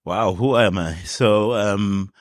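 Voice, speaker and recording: A man in his fifties, originally from Cameroon, talks through his story in an easy, unhurried interview style, full of small fillers. His voice sits on the low side. The sound is dry and close, with no room around it. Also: dry recording. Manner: relaxed storytelling with frequent fillers. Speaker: podcast guest. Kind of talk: casual interview talk.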